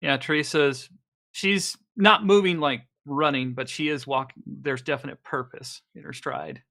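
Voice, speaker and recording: Man, tabletop player, bright forceful voice, rambling, thinks aloud. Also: fairly high pitch, fairly even intonation, unhurried, vocal fry. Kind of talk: describing his character's actions.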